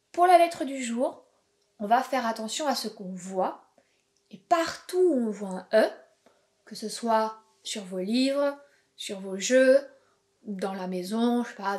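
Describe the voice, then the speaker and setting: A woman's voice: a little high, expressive, a little mellow. Patient preschool teacher woman. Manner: slow, clear, encouraging teacher talk. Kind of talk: home-school video lesson for young children.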